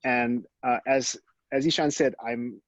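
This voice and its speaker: A man's voice: mid-range voice, fairly even intonation, measured pace, dry recording. A man from Singapore, a professor, presenting fluently over a video call from an outdoor deck. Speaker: guest speaker, professor. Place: outdoor deck in rural countryside. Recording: dull, dry call audio.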